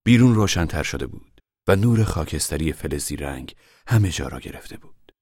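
A man reading a novel aloud as narrator, calm and measured, often dropping to a hush. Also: a bass voice, creaky, no room sound, clean studio sound. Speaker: audiobook narrator.

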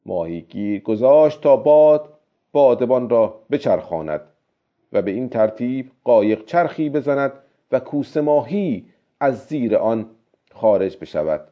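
A man narrating a story in a steady, measured reading voice. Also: on the low side. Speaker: audiobook narrator. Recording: dull lo-fi recording.

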